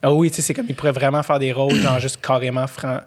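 A man's voice: medium pitch, steady tone, quick pace. A man with a Québécois French accent in casual podcast chat, rambling with many fillers and restarts.

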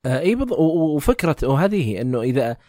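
A man hosting a podcast, reflecting slowly through hesitant restarts and fillers. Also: a little high, big pitch swings, a little mellow, no echo, studio quality. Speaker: podcast host. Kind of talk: reflective conversation.

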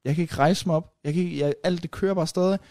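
A young man casually retelling a long night out on a podcast, rambling and animated with many restarts. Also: fairly high pitch, no echo, clean studio sound. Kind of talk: casual storytelling chat.

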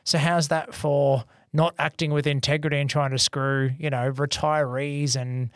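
A man's voice: a little high, flat delivery, moderate pace, no echo. Dry-voiced man telling stories. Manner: storytelling, acts out quoted voices. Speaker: podcast co-host, accountant. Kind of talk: casual podcast chat.

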